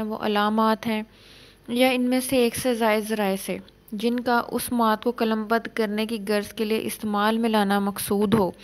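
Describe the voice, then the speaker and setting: A woman with a slightly high voice gives an exam-prep law lecture, reading English clauses slowly and then explaining them in Urdu.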